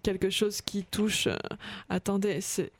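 A woman's voice: medium pitch, steady tone, unhurried, close to an everyday voice. A woman playing a nervous amateur painter lady who stammers and trails off from stage fright. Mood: flustered.

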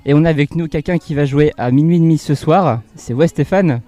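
A man hosting a live radio interview from an outdoor festival, relaxed and casual, laughing easily. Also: on the high side, a little fast. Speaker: radio host.

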